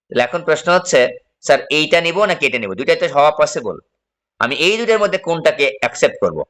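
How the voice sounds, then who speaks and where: A man's voice: mid-range voice, a bit bright. A man, a physics teacher giving a classroom lecture. He explains step by step, asks his students questions and repeats the key phrases.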